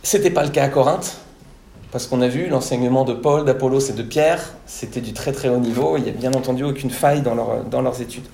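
A man's voice: mid-range voice, steady tone, brisk, gravelly, warm tone, reverberant, slight background noise. A man preaching a sermon to his congregation, teaching step by step and often checking with "d'accord?". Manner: didactic, repeats "d'accord?" to check understanding. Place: church hall.

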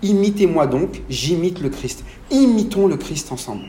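A man's voice: fairly high pitch, normal speed, echoey room, slight background noise. A man from France with a French accent, preaching a sermon and putting questions to the congregation. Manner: animated, asks the congregation questions.

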